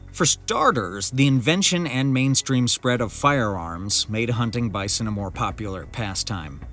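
A man narrating a scripted nature documentary in a measured, dramatic storytelling manner. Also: medium pitch, fairly bright tone. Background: background music.

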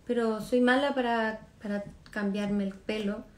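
Relaxed woman in her thirties, dark mellow tone, loose chatty delivery on a home phone livestream. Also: mid-range voice, measured pace, a little hiss or hum. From Chile. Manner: relaxed, chatty, laughs often, trails off with fillers. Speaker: singer answering fans on a livestream. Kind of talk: casual chat reading comments. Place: living room indoors. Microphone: phone camera at arm's length.

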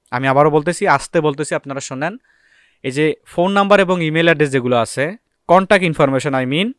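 Fast-talking man teaching a software tutorial. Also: on the high side, no echo, clean studio sound. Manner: explains step by step, asks and answers his own questions. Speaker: data entry instructor. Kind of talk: screen-recorded software tutorial.

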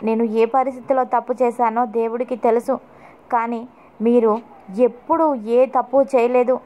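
A woman voicing a hot-tempered young man who shouts threats of revenge, read in her own voice. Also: on the high side, little pitch movement, normal speed, lo-fi sound, close to an everyday voice. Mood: pleading. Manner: shouting, heated.

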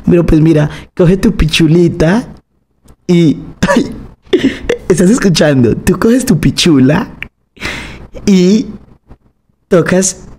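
A man's voice: sits high, lively intonation, slow, long pauses, a little mellow, husky, pitched above the performer's own voice, full character voice. A man putting on a sing-song baby-talk voice aimed at youngsters, drawn out and teasing. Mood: cooing, teasing.

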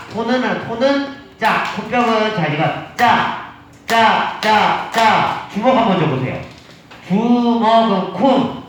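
A high-pitched man leads seniors through a clapping game and chants each beat slowly and steadily. He sounds far from the mic, and the room echoes heavily around him with a faint hiss underneath. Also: a bit bright. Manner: rhythmic chanting of sound words, coaxing elders. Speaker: senior recreation instructor. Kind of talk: leading a clapping game class.

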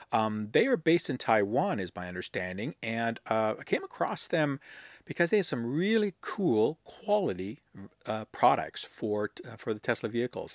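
A man's voice: mid-range voice, no room sound, clean studio sound. A man hosting his own show, casually reviewing car accessories in an easygoing way, with lots of uh and um fillers. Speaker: host.

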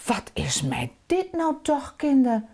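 A woman with a Drents accent voicing a kind, amused gnome mother who speaks in a warm, motherly way. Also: high voice, huge pitch swings, slow pace, voice pushed up, exaggerated voice.

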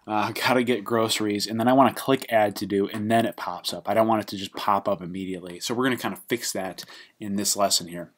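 A man giving a casual screen-recorded coding lesson, halting and full of fillers as he works at his computer. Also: lowish voice, steady tone. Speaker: programming instructor.

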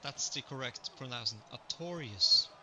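A man's voice: mid-range voice, takes it slowly, a little hiss or hum. A man streaming a strategy game, chatting casually with viewers as he plays. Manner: relaxed, chatty, greets viewers. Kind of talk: live gaming commentary.

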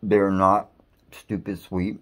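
A man's voice: sits low, little pitch movement, slow, a bit bright. A man co-hosting a casual snack-tasting video, teasing his partner and reading product blurbs aloud.

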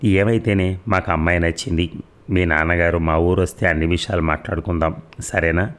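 A man's voice: low voice, steady tone, brisk, lightly acted. A man voicing a courteous older father of a groom who speaks politely and reassuringly in an audio story.

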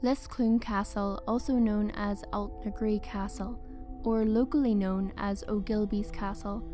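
A woman reading measured, informative scripted narration. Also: mid-range voice, fairly even intonation, dark tone, faint music behind.

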